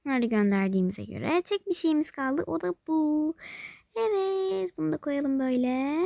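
A woman's voice: high-pitched, expressive, moderate pace, vocal fry, mellow, dry recording, studio quality. A woman narrating her mobile game play in a casual, chatty way, thinking aloud as she goes, calling her viewers by pet names and often dropping to a whisper. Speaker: game vlogger.

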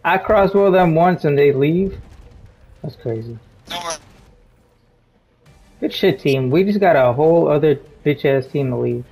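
Male gamer, slightly high voice, unhurried, profane trash talk, music behind. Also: expressive, vocal fry, a little mellow. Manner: taunting, profane. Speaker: gamer, channel player. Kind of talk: casual trash-talking game chat.

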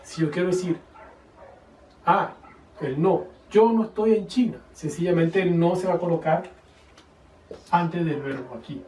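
A man teaching a casual video lesson who slowly explains grammar and spells out example phrases. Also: high voice, darkish tone, a little hiss or hum. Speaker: Chinese teacher. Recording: echoey room, voice a bit far from the mic.

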